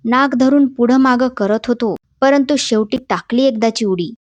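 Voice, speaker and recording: A woman narrates a children's textbook story in a clear, measured reading. Her voice sits a little high. The voice-over is dry and somewhat dull. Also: a little mellow, dry recording.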